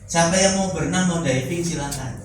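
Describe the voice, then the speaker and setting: A middle-aged man preaching a sermon, telling his own testimony and swinging between loud proclamations and quiet asides. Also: fairly high pitch, fairly quick. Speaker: pastor. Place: church service hall. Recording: echoey hall, distant mic, background noise.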